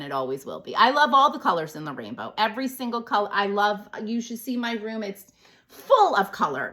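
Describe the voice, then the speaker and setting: A woman's voice: medium pitch, fairly bright tone. A woman giving a chatty spiritual card and essential oil reading in a casual vlog, gushing and laughing often. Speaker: spiritual reader and channeler.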